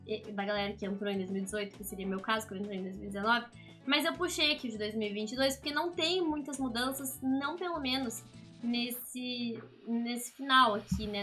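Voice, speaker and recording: A woman in her twenties with a Brazilian accent and a raspy, smoker-like voice, chatting in a rambling way to camera as a vlog host. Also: on the high side, a bit bright. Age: 20s. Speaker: video channel host, games student. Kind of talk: casual vlog talk to camera. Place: small indoor home room.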